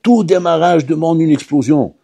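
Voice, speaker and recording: Husky-voiced rabbi giving a lively class. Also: male voice, on the high side, moderate pace, dry recording. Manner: lively, acts out little dialogues and addresses students directly. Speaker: rabbi teaching a yeshiva class. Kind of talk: animated Torah lesson. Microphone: audio recording of a class.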